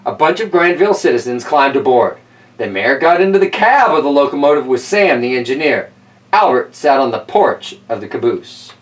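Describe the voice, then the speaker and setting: With a medium pitch that swings widely, the man reads the picture book at a moderate pace, mixing in wry, playful remarks. He's captured from a distance.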